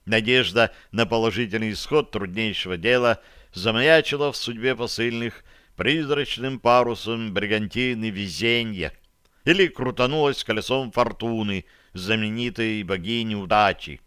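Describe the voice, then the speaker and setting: A man reading an audiobook in a measured, even scripted narration. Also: on the low side, clear, resonant tone, no room sound, clean studio sound.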